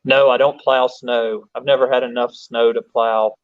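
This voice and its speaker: A man's voice: medium pitch, little pitch movement, moderate pace, no room sound, dull audio. A man from Alabama, hosting a casual livestream, rambling, laughing often and reading chat aloud. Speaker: livestream host.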